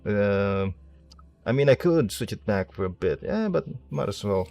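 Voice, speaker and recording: A streamer plays a video game and commentates casually, rambling, thinking aloud, and poking fun at himself. His voice is on the low side, gravelly and a little mellow, very animated though a little slow.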